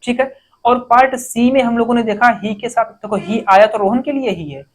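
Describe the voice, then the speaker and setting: A woman teaching an exam-prep grammar lesson, explaining step by step, asking questions and answering them herself, and reading example sentences slowly. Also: a little high. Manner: reads English sentences slowly, word by word.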